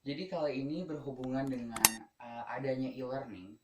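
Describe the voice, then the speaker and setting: A teenage student vlogger presents a school vlog, speaking informally and emphatically and often asking the listener questions. The voice is mid-range at a normal speed. The room is echoey and the recording very noisy.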